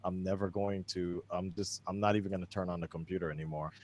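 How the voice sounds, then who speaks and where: A man's voice: deep voice, level tone, fast talker, darkish tone, a little hiss or hum. A man chatting as a guest creator on a livestream, rambling and repeating phrases as he works toward his point. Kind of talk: casual chat on a livestream.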